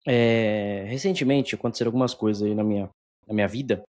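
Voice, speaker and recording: A man hosting his own channel, talking to the camera in a fast, energetic, somewhat anxious way, blunt and given to swearing, with a slightly hoarse voice that keeps clearing its throat. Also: on the low side. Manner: blunt, swears, frequent filler tags. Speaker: instructor, channel host. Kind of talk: casual solo vlog monologue.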